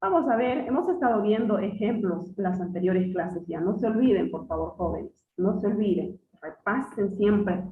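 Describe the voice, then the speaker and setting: A woman teacher leads a lesson, quizzing her students with patience and saying key words slowly twice over. Her voice is mid-pitched and set back from the mic. The sound is thin and phone-like, with a hollow echo of the room. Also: lively intonation. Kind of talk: classroom lesson. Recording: distant echoey phone-like sound.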